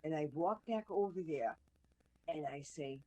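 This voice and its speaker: A woman's voice: low voice, a little slow, warm tone, low-quality recording. A woman in her sixties with a Boston accent, telling a story as an interview guest, laughing often and acting out both sides of conversations. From Boston, USA. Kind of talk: animated anecdote telling.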